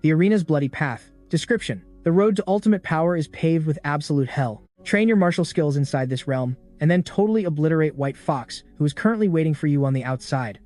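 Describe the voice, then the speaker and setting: Dramatic male narrator, slightly high voice. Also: animated, a little fast, few pauses, a little mellow, faint music behind. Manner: dramatic, hyped storytelling. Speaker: recap narrator. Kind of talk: scripted narration.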